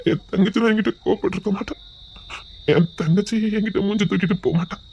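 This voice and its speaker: An actor playing a man who broods over a hurt sister, quietly repeating himself, with a fairly high voice. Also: fast, gravelly, muffled recording, a little hiss or hum. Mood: brooding. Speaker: actor in a television serial. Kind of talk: television drama acting.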